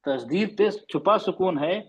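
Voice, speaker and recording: A male teacher giving an online class on recitation rules, explaining patiently and drawing out example sounds slowly and repeatedly. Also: high voice, animated, breathy edge, highs cut off. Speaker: tajweed teacher.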